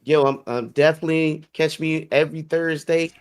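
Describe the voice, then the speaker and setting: A man's voice: fairly high pitch, fairly even intonation, normal speed, clean tone. A man co-hosting a gaming podcast, easygoing and casual, with fillers as he plugs his streams. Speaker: podcast co-host. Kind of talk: casual chat.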